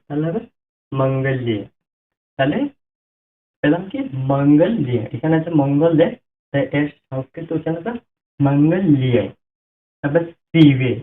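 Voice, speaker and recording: A man teaching how to pronounce a devotional Sanskrit mantra, breaking words down slowly syllable by syllable and chanting examples. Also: a little high. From Bangladesh. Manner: slow, careful syllable-by-syllable explanation. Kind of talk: spoken lesson with chanted examples. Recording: tinny phone-like audio.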